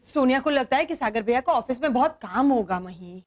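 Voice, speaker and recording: An actress playing a sister-in-law who gently explains and makes peace in a TV serial. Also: female voice, high-pitched, expressive, a little fast. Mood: coaxing. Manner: coaxing, explanatory. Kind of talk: TV serial acting.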